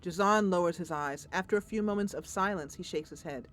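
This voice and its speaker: Mixing gameplay commentary with dramatic storytelling, a woman eagerly talks through a fantasy roleplaying game. She speaks a little fast in a fairly low voice, over soft background music.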